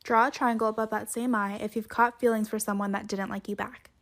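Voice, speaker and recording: A woman reading out a list of challenge prompts in a steady, list-like way. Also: medium pitch, a little fast.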